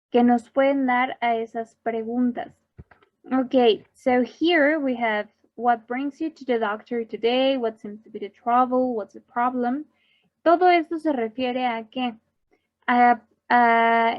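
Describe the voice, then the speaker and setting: A woman teacher giving a recorded class and repeating each term slowly so students can copy the pronunciation. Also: fairly high pitch, muffled recording. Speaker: English teacher for health workers. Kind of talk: recorded online class explaining slides.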